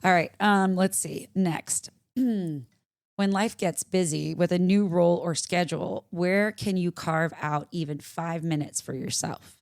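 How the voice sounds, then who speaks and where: A woman's voice: lowish voice, fairly even intonation, measured pace, dry recording, studio quality. A woman co-hosting a yoga podcast in casual chat, chatty and upbeat, with lots of "like" and "right?". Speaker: yoga teacher and podcast co-host.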